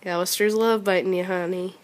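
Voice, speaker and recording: A woman's voice: fairly low pitch, fairly even intonation, fairly quick. A woman filming her family at home, talking in a cooing, coaxing baby-talk voice in a bedroom, recorded on a handheld camera. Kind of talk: casual home video.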